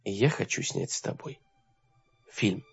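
Thrill-seeking young woman read by a man, soft, pleading, gravelly undertone, dull lo-fi sound. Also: fairly low pitch, lively intonation, takes it slowly, exaggerated voice. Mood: coaxing. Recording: dull lo-fi recording.

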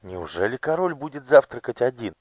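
A man voicing a frightened young girl disguised as a palace page, speaking in a timid, hushed way. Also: mid-range voice, sing-song, fairly quick, no echo, voice pushed up. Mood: anxious.

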